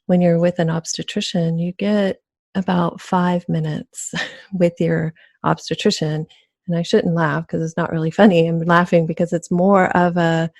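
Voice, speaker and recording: Female podcast host, chatty, lower gravelly voice, dry close sound. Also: dry recording. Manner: warm, chatty, laughs easily. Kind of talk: casual interview chat.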